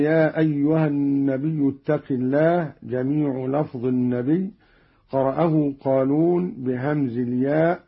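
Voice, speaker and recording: Slow, husky radio recitation teacher. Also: male voice, fairly high pitch. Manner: measured, explains then recites examples. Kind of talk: radio lesson on recitation variants. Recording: dull lo-fi archival radio recording.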